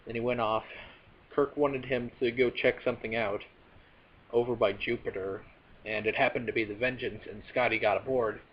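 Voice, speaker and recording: A man's voice: mid-range voice, steady tone, normal speed. Man rambling through a movie recap, lo-fi. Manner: rambling, many fillers and self-corrections. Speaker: film reviewer. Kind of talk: casual spoken movie recap. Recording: dull lo-fi recording with faint noise.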